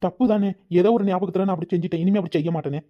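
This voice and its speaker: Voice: medium pitch, racing, lightly acted. A voice actor playing a moody, lovesick young man in a cartoon, speaking in a sullen, snapping manner. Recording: dull lo-fi recording.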